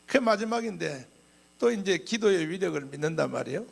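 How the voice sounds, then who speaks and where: Man, pastor, sermon storytelling, gravelly voice, lively swooping pitch, frequent throat clearing. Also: a little fast.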